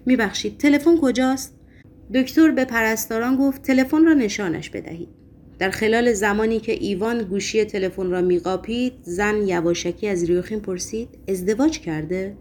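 A woman narrating an audiobook in an expressive, dramatic reading style. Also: medium pitch, a little hiss or hum.

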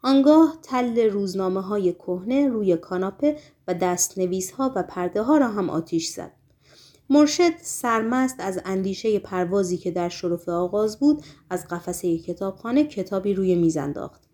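A woman narrating a novel as an audiobook in a steady, measured storytelling voice that softens in descriptive passages. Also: mid-range voice.

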